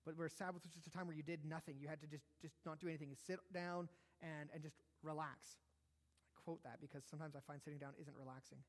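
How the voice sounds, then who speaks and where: A man's voice: a little high, steady tone, quick pace. A man preaching a sermon, conversational and self-deprecating, with jokes and asides. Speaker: pastor. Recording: long hall reverb.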